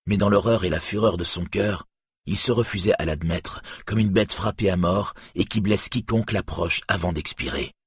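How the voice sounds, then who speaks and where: Low, husky male narrator; measured dramatic audiobook read, dry close sound. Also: no room sound. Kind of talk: scripted narration.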